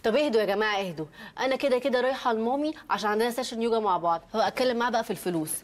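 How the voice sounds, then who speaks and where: An actress with an Egyptian Arabic accent playing a spoiled, sharp-tongued rich young wife who snaps brashly in a TV comedy series. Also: female voice, a little high, rapid-fire, natural voice. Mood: snappy. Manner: brash, snappy, exasperated.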